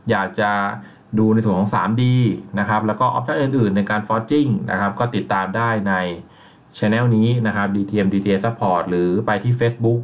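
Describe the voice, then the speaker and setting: A man teaching a software tutorial, calmly explaining each step with frequent polite fillers. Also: on the low side, normal speed. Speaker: software instructor. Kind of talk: screen-recorded software tutorial.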